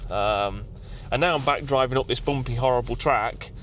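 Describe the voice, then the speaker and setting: Excited man vlogging from his car. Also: mid-range voice, normal speed, a little hiss or hum. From England. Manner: excited, rambling, emotional. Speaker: tree consultant vlogger. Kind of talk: vlog. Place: outdoors at night, then in a car.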